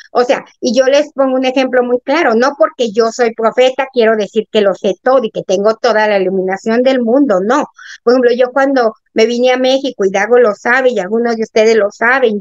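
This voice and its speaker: A woman's voice: high-pitched, no room sound. A middle-aged woman, a pastor and prophet, preaching a Bible study in an earnest teaching tone, often checking in with her listeners. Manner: earnest teaching, with questions to the audience. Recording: dry, dull lo-fi sound.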